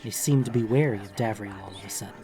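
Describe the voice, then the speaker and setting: Over background music, a man with a lowish voice narrates a scripted fantasy audiobook at a fast clip, telling the story in a dramatic style.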